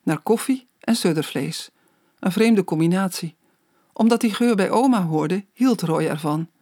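An audiobook narrator reads a children's story at a slow, measured pace. The voice sits at a middle pitch. The recording is dry and close, with no room sound. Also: dark tone, no echo.

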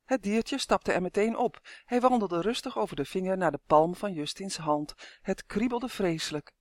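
A reader narrating a children's storybook calmly and evenly. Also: medium pitch, moderate pace, no echo, clean studio sound. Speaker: audiobook reader.

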